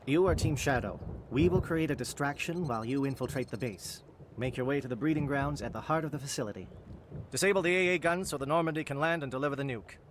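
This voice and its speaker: An actor voicing a calm, grave alien captain in video game dialogue, precise and matter-of-fact. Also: male voice, medium pitch, quick pace, noisy background, natural voice. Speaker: Salarian captain planning an assault.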